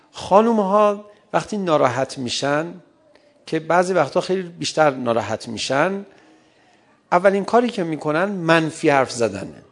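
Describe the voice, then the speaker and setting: A middle-aged man speaks to an audience in a lively, humorous lecture. His voice sits somewhat high for a man and has a gravelly texture. He laughs often and slips into short acted-out exchanges. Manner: humorous, acts out little dialogues, laughs often. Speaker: speaker addressing an audience on parenting.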